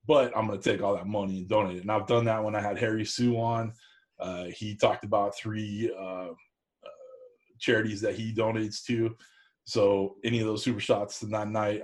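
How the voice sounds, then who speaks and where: His voice is lowish and a little mellow. A man who co-hosts an online cooking show and is being interviewed as a guest rambles along casually in a folksy, plain-spoken host's manner.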